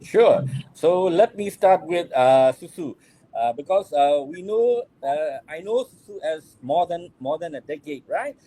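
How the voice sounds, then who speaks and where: A man's voice: a little high, animated, measured pace, mellow, rough recording. A man with a Burmese accent co-hosts a live-streamed panel, speaking hesitant English and often repeating his words. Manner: hesitant, repetitive non-native English. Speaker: club leader and co-host.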